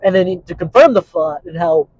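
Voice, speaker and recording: A man's voice: high voice, lively intonation, a little fast, darkish tone, slight background noise, rough recording. A man vlogging in a casual, rambling monologue, swearing often and trailing into fillers. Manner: profane and rambling, with frequent fillers.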